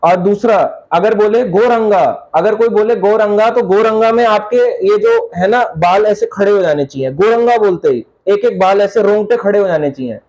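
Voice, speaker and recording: Brief: male devotional lecturer, high voice, chatty and jokey, tells stories with humor. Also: moderate pace, few pauses, darkish tone, low-quality recording. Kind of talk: Hindi spiritual lecture with anecdotes.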